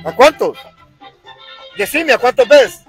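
Honduran guy venting about his team, high pitched voice, soft music behind. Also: very animated, slow pace, poor audio. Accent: Honduran Spanish. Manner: fired-up, crude, repetitive ranting. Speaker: football fan vlogger. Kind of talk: angry fan rant to camera.

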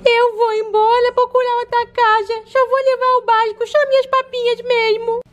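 A very high, squeaky baby-girl doll, as a Brazilian woman voices her, sassy and teasing in a homemade toy play video. She sounds jealous and cheeky, with a babyish Brazilian lilt. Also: little pitch movement, moderate pace. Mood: sulky. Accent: Brazilian Portuguese.

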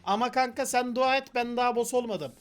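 High-voiced excitable young man gaming. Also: a little fast, clear, resonant tone. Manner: loud, slangy and playful, shouting at teammates. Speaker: gaming YouTuber. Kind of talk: excited gameplay commentary.

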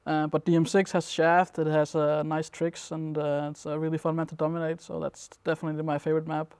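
A young man from Denmark, a competitive gamer, answering interview questions in a relaxed, rambling way with plenty of fillers. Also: fairly high pitch, fairly quick, smooth, no room sound. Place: dim indoor room at a gaming event.

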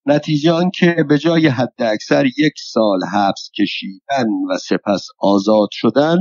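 A man narrating an audiobook in an even, measured first-person storytelling reading. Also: mid-range voice, no echo. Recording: dull, lo-fi dry recording.

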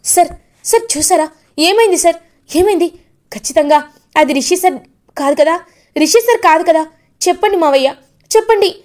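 A woman's voice: very high voice, moderate pace, pauses often, a little mellow, pitched above the performer's own voice. A woman voicing a young woman who pleads and refuses to believe bad news, in a serial recap. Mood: pleading. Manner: pleading, insistent.

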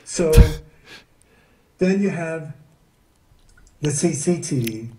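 A man speaks at an average pitch with a very dark, mellow tone, sounding well back from the microphone. His voice carries a noticeable room echo. He talks as a guest in a casual interview, often poking at his subject with sarcastic rhetorical questions. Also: animated, takes it slowly, slight background noise. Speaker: guest researcher. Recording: distant roomy mic.

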